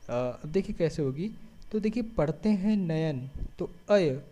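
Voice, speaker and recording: A man's voice: on the high side, expressive, measured pace, dark tone. A man teaching a grammar lesson step by step, asking questions and answering them himself, with frequent checking words. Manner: explains step by step, often asks and answers his own questions. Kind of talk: board-style grammar lesson.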